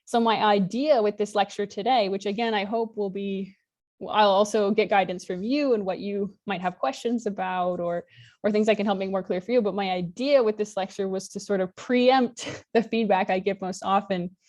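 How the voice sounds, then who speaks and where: A woman's voice: mid-range voice, moderate pace, a little mellow. A woman in her thirties from Alaska giving an informal online lecture on a video call, talking in a friendly, conversational way with occasional fillers. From Alaska, United States. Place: home room with virtual background. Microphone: laptop webcam mic on a video call.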